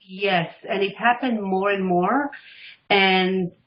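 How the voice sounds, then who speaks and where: In dull, lo-fi audio, a middle-aged Israeli woman who works as a life coach recounts her story on the radio with lively energy, voicing what people told her. Her pitch is medium and her pace slow, in a casual interview exchange.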